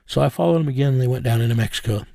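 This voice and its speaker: A man's voice: mid-range voice, racing, vocal fry, warm tone, no room sound. A middle-aged man from the United States, an interview guest telling a matter-of-fact first-person story about his vigilante work. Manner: plain, matter-of-fact telling with reenacted dialogue.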